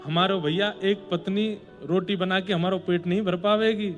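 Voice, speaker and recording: A man's voice: high-pitched, steady tone, moderate pace, big-room sound, faint music behind, lightly acted. A man voicing a sulky, proud elephant-headed god who refuses in a grumbling, stubborn way, inside a sermon's storytelling.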